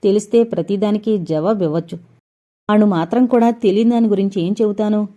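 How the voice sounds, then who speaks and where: A woman's voice: mid-range voice, fairly quick, dark tone, natural voice. A woman voicing a practical young woman who speaks plainly and matter-of-factly.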